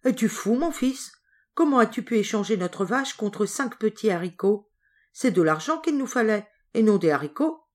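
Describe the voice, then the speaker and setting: A woman voicing a poor widowed mother who scolds loudly in a storybook reading. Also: mid-range voice, animated, normal speed, pitched above the performer's own voice, close to an everyday voice. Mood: angry. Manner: scolding, exclaiming.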